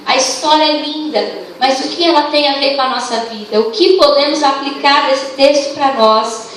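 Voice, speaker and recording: High-voiced Brazilian woman preaching in church. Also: normal speed, slight background noise. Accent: Brazilian Portuguese. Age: young adult. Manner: warm storytelling, acts out dialogue. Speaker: youth congress leader and preacher. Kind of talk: sermon. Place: church hall. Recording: distant echoey church hall.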